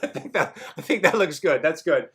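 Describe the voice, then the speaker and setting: A man with a high voice co-hosts a comic show over a video call. He rambles and hesitates, restarting his sentences often. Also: expressive, fairly quick, a bit bright. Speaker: comedy show co-host.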